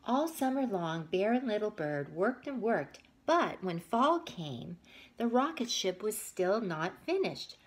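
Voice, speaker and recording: A woman teacher with a medium-pitched, slightly breathy voice reads a children's picture book aloud with plenty of expression. She often steps out of the story to speak directly to her young listeners, pausing to ask them questions.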